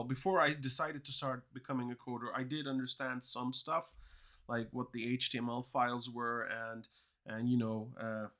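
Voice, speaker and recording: This coding-learner streamer talks in a mid-range voice that is bright and forceful. Dutch and Turkish are his first languages; he keeps things casual and rambling, answering questions from chat partway through his talk.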